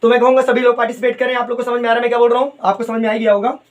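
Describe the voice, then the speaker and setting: A man teaching a chemistry lesson at a coaching class. He calls his students "beta", repeats key terms slowly and mixes in English phrases. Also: very high voice, little pitch movement.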